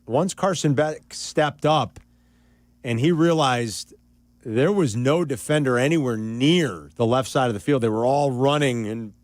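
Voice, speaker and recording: A man hosting sports talk radio, excitable and animated as he breaks down a game. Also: medium pitch, a little slow, no echo.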